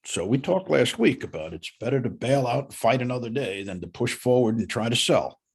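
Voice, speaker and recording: Husky, animated male sales coach. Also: mid-range voice, brisk. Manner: animated, folksy, uses analogies. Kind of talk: one-on-one coaching session.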